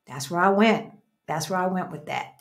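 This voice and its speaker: Speaking at a normal speed in a lowish voice, this U.S. woman in her fifties chats casually as a livestream co-host from a small home room. She reads out comments from viewers, talking with emphasis and repeating phrases for effect.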